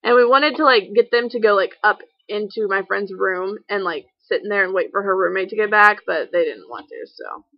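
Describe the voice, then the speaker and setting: A woman's voice: medium pitch, steady tone, brisk, hardly any pauses, no room sound, lo-fi sound. A young woman, a college student, casually telling a rambling story to her camera, full of "like" and self-corrections. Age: young adult. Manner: rambling, giggly storytelling with lots of "like".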